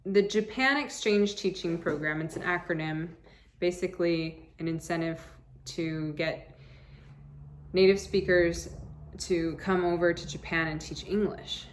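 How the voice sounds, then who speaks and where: A woman's voice: fairly low pitch, steady tone, a little slow, slight background noise. An American woman in her thirties from Arizona, talking casually to camera as a travel vlogger, chatty and upbeat with rambling restarts, seated indoors. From United States (Arizona). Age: 30s.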